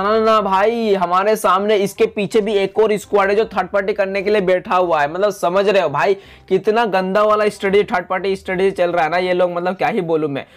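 Young male gaming commentator, high-pitched and excitable, chatty voice-over with dramatic complaints. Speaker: gaming YouTuber.

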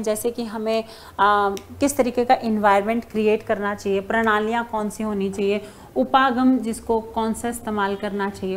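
Lady teacher going through an online class, talks to students like her kids, writes on board as she goes, faint noise behind. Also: mid-range voice. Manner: addresses students as "beta", writing on a board while talking. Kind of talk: online exam-prep lecture.

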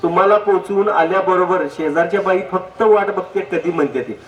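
Male public speaker with a high voice, jokey and anecdotal, miked from a distance in an echoey hall. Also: brisk, lo-fi sound. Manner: jokey, anecdotal, asks the audience direct questions. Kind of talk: humorous public talk. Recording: echoey hall, distant mic, faint noise.

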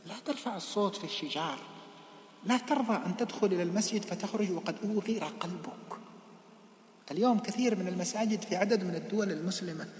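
Fast, high-pitched preacher in an echoing hall. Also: male voice, a little hiss or hum. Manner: tells a story acting out voices, then exhorts with rising force. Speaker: preacher giving a mosque lesson. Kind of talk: religious lesson with anecdote. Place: large mosque hall. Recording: echoey mosque hall with long reverb.

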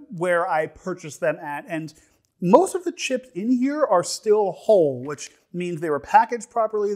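A young man giving a casual, humorous food review on camera, rambling and halting, repeating phrases and tossing in joking asides. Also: sits high. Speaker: snack reviewer. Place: indoor studio set with dark curtain backdrop. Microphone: lapel mic.

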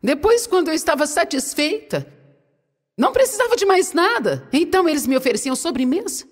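Animated Brazilian woman preaching. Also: high-pitched, fairly quick. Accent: Brazilian Portuguese. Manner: animated, playful, addresses the audience. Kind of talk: sermon, humorous storytelling. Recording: long hall reverb.

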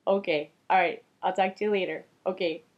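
A middle-aged woman with a Minnesota accent playing a chatty, opinionated Minnesotan in a casual comedy sketch, folksy and deadpan. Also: fairly low pitch, a little fast, muffled recording, close to an everyday voice. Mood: politely dithering. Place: rooms at home, indoors.

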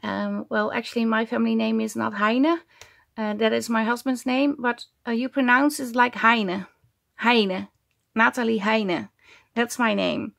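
A woman's voice: fairly high pitch, steady tone, moderate pace, creaky, fairly bright tone. A woman hosting a casual crafting vlog, chatting at her desk and often stopping with ums as she searches for words. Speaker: junk journal crafter and channel host.

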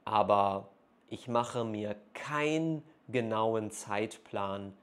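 Recorded with a lapel mic in a small room, this man's lowish voice delivers clear, very slow speech aimed at learners. He's a German teacher vlogger, shaping every phrase carefully and leaving pauses.

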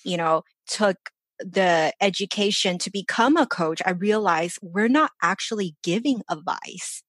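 A woman's voice: medium pitch, measured pace, a bit bright, no echo. Upbeat woman life coach, dry sound. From born in China, grew up in Los Angeles. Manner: upbeat, earnest, motivational. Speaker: life coach, podcast guest. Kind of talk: casual interview chat.

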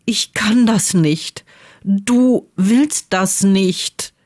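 An earnest, troubled young wizard who speaks in a quiet, insistent way and sometimes pleads, read by a woman in her own natural voice. The tone is mid-pitched and plain, as in a storybook read aloud. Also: extremely slow. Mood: pleading.

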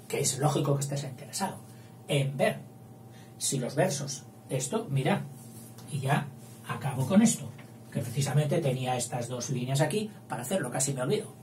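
A man's voice: mid-range voice, a little mellow. Man teaching verse in a roomy class. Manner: chatty, counts syllables aloud, reads verses slowly. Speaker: literature teacher. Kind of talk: explaining poetic meter at a whiteboard. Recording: roomy, distant mic, faint hum.

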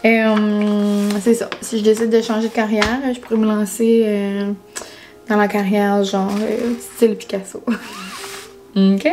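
A woman's voice: medium pitch, level tone, unhurried, a little mellow, faint music behind. A young woman with a Quebec French accent chatting casually to camera, full of fillers and English words. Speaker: vlogger. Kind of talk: casual vlog chat.

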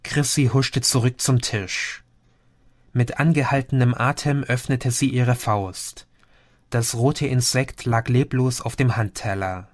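A male audiobook reader narrates a science fiction book in a calm, measured storytelling style as scripted narration. His voice is mid-range, and the recording is dry and studio quality.

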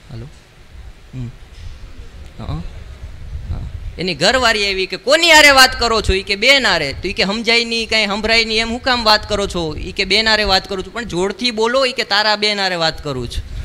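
A male stand-up comic, his voice high and very bright as he fires off quick jokes and calls out to the crowd. It is a live stage microphone recording in a large hall, with a long reverb tail. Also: slight background noise. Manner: punchy joke telling, quick call-and-response to the crowd. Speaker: stand-up comedian. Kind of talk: live stand-up comedy show.

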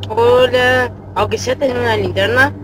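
A man's voice: extremely high pitch, steady tone, normal speed, poor audio. A man with an Argentine accent doing jittery horror game commentary, swearing a lot. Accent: Argentine Spanish. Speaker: gaming YouTuber.

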